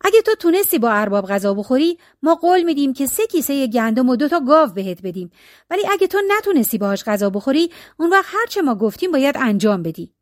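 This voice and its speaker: A woman's voice: sits high, very animated, no room sound, studio quality. A woman reading a folk tale, voicing a group of scornful village peasant men who mock and doubt.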